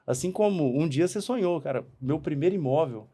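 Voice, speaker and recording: A man from Brazil hosting a casual podcast chat, talking in animated quick bursts and often repeating words. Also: on the high side, breathy edge. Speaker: podcast host.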